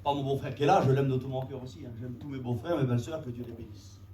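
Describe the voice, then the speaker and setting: A man preaching a sermon, emphatic and repetitive, rising to shouts at the high points. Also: fast talker, slight background noise. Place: church. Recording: echoey church room from a distance.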